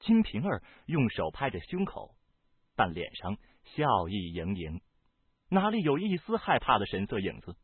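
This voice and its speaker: A man narrates a novel in a husky, breathy voice, his pitch rising and falling with the drama. The sound is dry and tinny, like a phone line. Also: measured pace, no room sound. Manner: expressive, varied storytelling delivery. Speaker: audiobook narrator.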